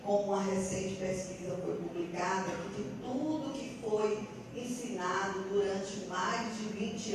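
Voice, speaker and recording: Slow-talking Brazilian woman lecturing in echoey hall. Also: mid-range voice. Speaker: lecturer, professor. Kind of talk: public lecture. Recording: very echoey hall, distant mic, clear noise.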